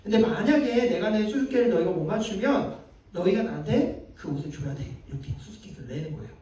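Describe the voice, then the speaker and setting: Lively Korean pastor preaching in an echoey hall. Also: male voice, high voice, fast. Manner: conversational, quizzes the audience and acts out quoted lines. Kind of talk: sermon to a young adults group. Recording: echoey room heard from a distance.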